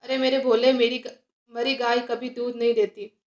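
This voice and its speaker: A woman's voice: fairly high pitch, level tone, normal speed, echoey room, lo-fi sound, lightly acted. A woman voicing an affectionate elderly male guru in a told story, speaking tenderly. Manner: tender, fond storybook delivery.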